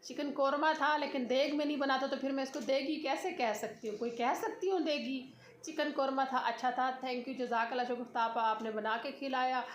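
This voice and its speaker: A woman's voice: high voice, fairly even intonation, normal speed. A woman from Pakistan with a Pakistani Urdu accent, a tired mother chatting and teasing in a casual family vlog at home. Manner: chatty and teasing, talks straight to her viewers. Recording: echoey room with faint noise.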